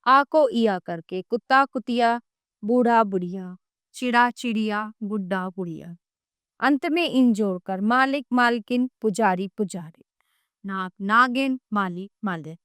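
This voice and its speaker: Slow, clear woman reading a grammar lesson. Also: mid-range voice, a bit bright, no room sound, studio quality. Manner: reads word lists one by one, measured. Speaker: textbook narrator.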